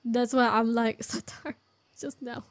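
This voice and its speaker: With video game music playing in the background, a woman streams a game and chats casually in informal, non-native English. Her voice is a little high with a steady tone, and her pace is measured.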